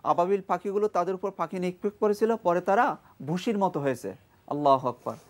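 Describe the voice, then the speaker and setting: A man teaching Quran reading on a TV lesson, spelling out each letter and vowel mark and having a group of children repeat after him, now and then reciting the verse in a slow, drawn-out way. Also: sits high, a little mellow. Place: TV studio with a children's class. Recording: broadcast studio with a group of children. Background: children chanting along.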